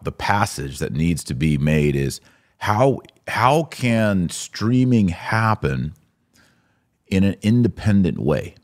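This podcast host, speaking on a live stream, has a low-sitting voice with a darkish tone. His casual commentary comes in halting bits, with repeats and rhetorical questions.

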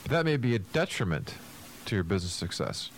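Low-voiced man co-hosting, noisy background. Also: big pitch swings, fairly quick. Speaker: radio show co-host and business coach. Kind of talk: casual radio talk show chat.

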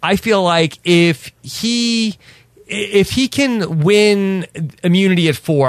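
A man hosting a casual podcast chat, talking quickly and joking with frequent laughs. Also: sits high, smooth, dry recording. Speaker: podcast host.

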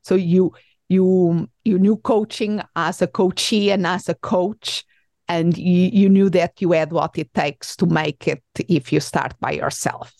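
A woman's voice: on the low side, fairly even intonation, unhurried, gravelly, darkish tone, dry recording, studio quality. A woman from Portugal with a Portuguese accent, hosting an interview in a hesitant way with many fillers and restarts. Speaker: podcast host. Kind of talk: conversational interview.

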